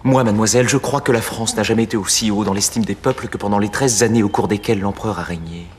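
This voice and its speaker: A man's voice: on the low side, quick pace, lightly acted. A man acting an ambitious young male secretary in a period film drama, earnest and heated when he argues. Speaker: young secretary Julien Sorel.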